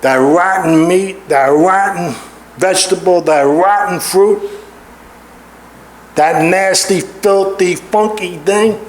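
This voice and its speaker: A slow, deliberate middle-aged preacher man with a fairly high voice, leaning hard on repeated words. The sermon is captured in a roomy church hall with clear echo and a faint hiss underneath. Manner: emphatic, repeating key words for weight.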